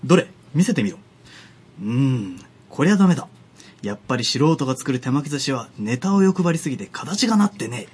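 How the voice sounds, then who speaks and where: A man doing a gruff boastful sushi know-it-all. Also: mid-range voice, very animated, a little fast, a little mellow, voice pushed down. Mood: scornful. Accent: Edo-style Tokyo dialect put on over Kansai. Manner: blustering, rough street talk. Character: gruff boastful middle-aged male hand-rolled sushi know-it-all. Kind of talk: comic radio skit reading.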